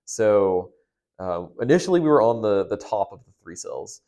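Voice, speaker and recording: A man's voice: lowish voice, very animated, normal speed, mellow. A young man, a storm chaser, casually recounting a past experience step by step in a conversational, detailed way.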